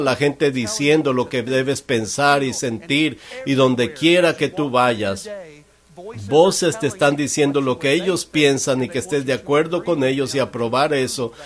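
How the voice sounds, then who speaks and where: A man delivering a sermon in translation, earnest and questioning, with repeated rhetorical questions. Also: medium pitch. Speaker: church interpreter.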